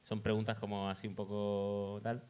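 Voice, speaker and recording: A man's voice: fairly low pitch, completely flat delivery, moderate pace, dark tone, smooth. A man with a Canarian Spanish accent, hosting a comedy talk show with loose, joking banter. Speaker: comedian host.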